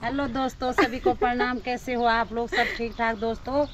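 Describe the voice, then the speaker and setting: A woman's voice: on the high side, fairly even intonation, moderate pace, crowd noise. A middle-aged woman from Uttarakhand, India, the vlogger's mother, talking in a mock-grumpy, scolding way. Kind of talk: casual vlog chat. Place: village outdoors.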